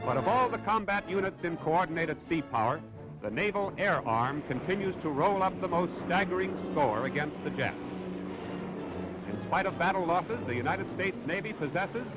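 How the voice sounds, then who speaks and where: A man's voice: high-pitched, expressive, normal speed, muffled recording. A man narrating a 1940s newsreel in a dramatic, declamatory manner, heard on an old newsreel recording. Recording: old newsreel soundtrack with loud music.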